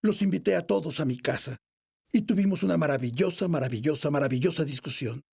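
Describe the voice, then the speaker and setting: A man answering interview questions, telling his story earnestly in a gravelly, husky voice. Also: on the high side, fast, a little mellow.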